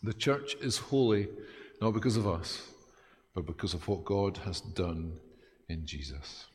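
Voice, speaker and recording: A man preaching a sermon as pastor, lively and self-deprecating, with dramatic pauses. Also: sits low, big-room sound.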